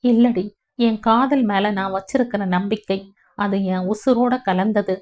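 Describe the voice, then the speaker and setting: A woman's voice: medium pitch, fairly even intonation, measured pace, close to an everyday voice. A woman voicing a possessive, lovesick young village man who pleads earnestly in a storybook reading. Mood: pleading. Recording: dull lo-fi audio.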